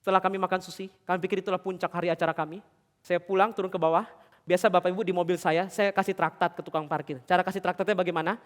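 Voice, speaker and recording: Male pastor, middle-aged, sermon delivery; high register, roomy hall reverb, shifts between fervent and hushed. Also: little pitch movement, very fast. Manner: swings from loud, high preaching to quiet, confiding storytelling; addresses the congregation directly with questions. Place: large church hall. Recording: long church hall reverb.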